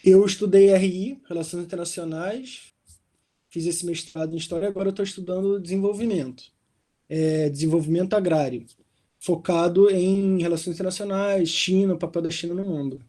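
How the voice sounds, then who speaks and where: Young male guest, slightly high, mellow voice, relaxed conversational delivery. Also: moderate pace. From Rio de Janeiro, Brazil. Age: young adult. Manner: relaxed, with fillers like "né" and "assim". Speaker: guest, doctoral researcher. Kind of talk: conversational interview. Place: hotel room in London.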